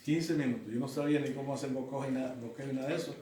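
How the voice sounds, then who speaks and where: Warm, steady and medium-pitched, this middle-aged pastor's voice comes out rapid-fire as he teaches a Bible study with personal testimony. He keeps it conversational, asking rhetorical questions and often starting over. It is recorded in a church classroom that sounds roomy, with a distant mic and faint noise.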